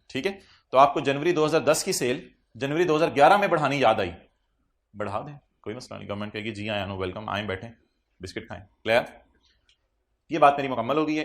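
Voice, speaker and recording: A man with a Pakistani Urdu accent giving a tax lecture to a class, teasing students, quizzing them and mixing English phrases into his Urdu. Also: medium pitch.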